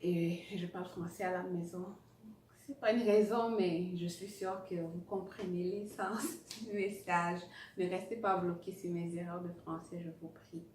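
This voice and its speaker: A woman with a lowish, steady, slightly slow and mellow voice coaches writing from a distance in an echoey space. She is emphatic and speaks directly to listeners, repeating key phrases and mixing some English words into her French as she teaches motivationally through acted-out anecdotes. The recording has roomy echo, a distant mic and faint noise.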